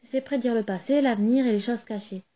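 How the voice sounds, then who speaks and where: A woman reads out a little rubber doll with a squeaky, chirpy voice, quick and eager to please. She is a clever, polite magic toy from a children's tale. A slightly muffled, lo-fi sound hangs over it. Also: warm tone, natural voice. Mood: confident.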